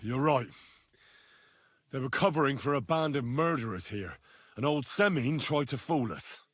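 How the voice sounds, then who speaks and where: Earnest male knightly noble for a game, husky and lively in pitch, measured, firm. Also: dry recording, clean studio sound. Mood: grave agreement. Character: level-headed medieval nobleman urging justice with restraint. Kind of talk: dramatic video game acting.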